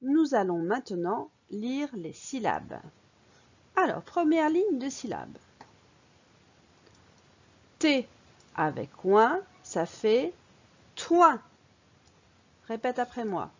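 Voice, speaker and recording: Woman teacher doing a phonics lesson, slow and sing-songy, kinda muffled lo-fi audio. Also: fairly high pitch, very animated. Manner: slow, clear, sing-song teacher voice, stressing key words. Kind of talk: early-reading phonics lesson.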